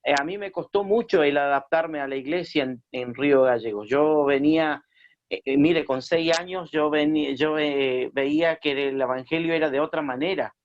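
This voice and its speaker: Hesitant pastor from Chile, muffled. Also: male voice, a little high, moderate pace. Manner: hesitant, many fillers and restarts. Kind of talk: radio interview, personal testimony.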